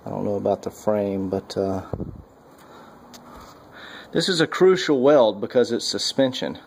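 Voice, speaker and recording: Guy filming his garage welding job, talks real slow with lots of ums, faint hum behind. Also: lowish voice, animated, gravelly, darkish tone, rough recording. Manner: slow, halting, many fillers. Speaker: home car builder. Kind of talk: casual workshop vlog narration. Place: garage workshop, indoors.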